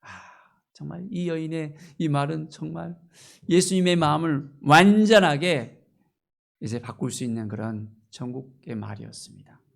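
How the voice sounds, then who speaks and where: A male pastor preaching a sermon with passion, moving from loud exclamations to near-whispers and asking his congregation rhetorical questions. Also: on the high side, normal speed, creaky.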